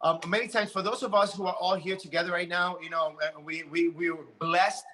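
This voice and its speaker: A man in his late forties giving an energetic motivational talk about his business, often repeating words as he builds up steam. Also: sits high, fairly quick, slight background noise. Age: 40s. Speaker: network marketing leader.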